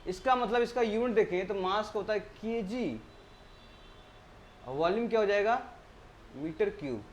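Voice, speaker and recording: सवाल पूछता ऊँची आवाज़ वाला पुरुष शिक्षक. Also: male voice, high-pitched, expressive, moderate pace, slight background noise. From India. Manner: asks the class questions and answers them himself; keeps repeating key terms. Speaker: engineering exam tutor. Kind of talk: classroom lecture.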